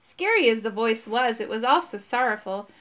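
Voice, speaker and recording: A woman narrating a storybook with plenty of expression. Her voice sits fairly high and leaps around in pitch. She leans into the suspense and the silly moments alike. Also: moderate pace. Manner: expressive, dramatic reading. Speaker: audiobook narrator.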